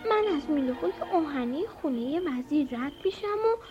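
A woman doing a squeaky tiny cheeky boy. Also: lively intonation. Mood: scheming. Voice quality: very high squeaky child voice. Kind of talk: children's storybook reading. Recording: dull recording with music behind.

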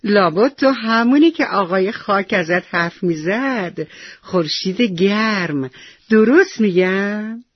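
A woman's voice: mid-range voice, expressive, breathy edge, no room sound, dull audio. A woman voicing a tiny lazy seed that whines it is comfortable in the soil and refuses to get up. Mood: reluctant. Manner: whiny, complacent, reluctant. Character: tiny lazy comfy seed, stubborn, childlike.

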